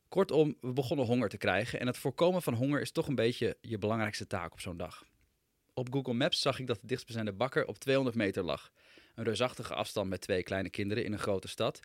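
A man's voice: medium pitch, no room sound. A man, a writer, reading aloud his own humorous personal essay with dry, wry storytelling.

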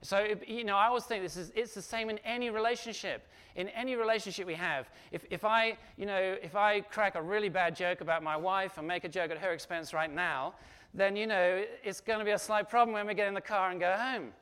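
Middle-aged male pastor, high-pitched voice, chatty animated sermon delivery with rhetorical questions. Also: a little fast, clear, resonant tone. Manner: conversational, animated preaching with asides and rhetorical questions.

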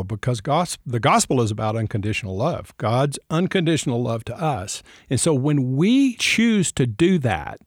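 A man's voice: mid-range voice, no room sound. Affirming male host, dry close sound. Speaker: podcast host. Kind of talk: reflective faith conversation.

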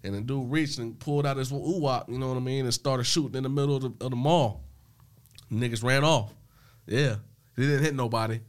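A man's voice: medium pitch, brisk. Rambling, profane man telling stories. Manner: loose, rambling storytelling with frequent fillers and profanity. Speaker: podcast co-host. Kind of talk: casual chat.

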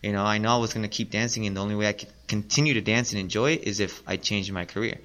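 A man's voice: lowish voice, racing, fairly bright tone. A man in his late thirties, a podcast guest, talking casually and earnestly, often repeating himself. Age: 30s. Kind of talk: casual interview talk.

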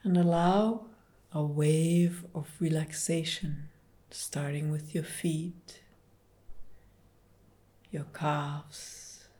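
A woman leading a guided relaxation meditation, speaking softly and partly in whispers. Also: low-pitched, steady tone. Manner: soft, slow, soothing, partly whispered.

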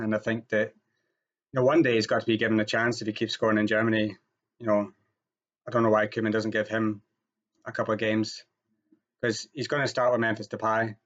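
Low, flat-voiced man giving football opinions. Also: muffled recording. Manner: measured, opinionated, steady delivery. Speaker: podcast co-host, football pundit. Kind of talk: casual podcast discussion.

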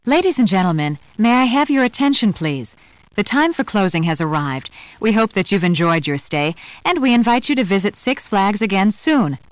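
A woman's voice: medium pitch, big pitch swings, moderate pace, no room sound. Lady on the park intercom, formal closing announcement, sing-song up and down. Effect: over the park intercom.

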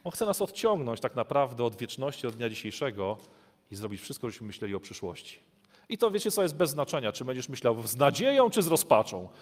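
A man's voice: medium pitch, big pitch swings, fairly quick. A man preaching a sermon as pastor, emphatic and punctuating his points with calls of "Amen?" to the congregation. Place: church hall. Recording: long hall reverb.

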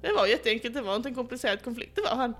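A woman casually telling a history story to a friend, playfully acting out the people in it. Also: on the high side. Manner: playful, acts out quoted figures, laughs often. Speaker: podcast host telling history.

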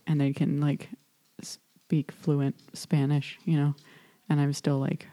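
A young woman from the United States, whose first language is English, hosts a podcast with a low-sitting, dark-toned voice. The chat is casual, and she is hesitant and self-deprecating, with lots of laughter.

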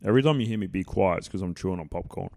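Racing along in a low, creaky, slightly mellow voice, this man hosts a podcast. He chats casually as a film plays, rambling in a joking, playful way.

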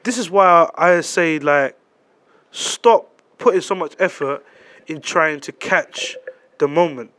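London roadman, higher-pitched, close dry sound. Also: slow pace, fairly bright tone, dry recording. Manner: London roadman slang and delivery; repeats phrases for emphasis, swears often. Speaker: podcast co-host. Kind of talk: heated casual group chat.

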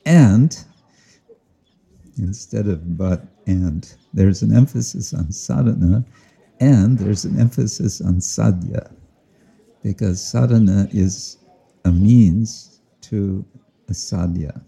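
Deep husky guy giving a slow devotional class outside, explains terms, laughs a bit. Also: dark tone. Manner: slow, reflective, chuckles often, explains Sanskrit and Bengali terms. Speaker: spiritual teacher. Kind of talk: devotional talk, outdoors. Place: outdoors with listeners, sun overhead.

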